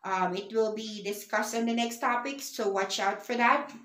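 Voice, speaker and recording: A woman's voice: on the high side, fairly even intonation, normal speed, fairly bright tone. A woman teaching a beginner language lesson, patiently spelling out letters and sounds one at a time. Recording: echoey room.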